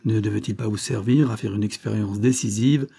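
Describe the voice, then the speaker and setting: Formal questioning magistrate read by a man, mellow dark voice, husky edge. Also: lowish voice, steady tone, fairly quick. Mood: probing. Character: probing male examining magistrate, formal and skeptical.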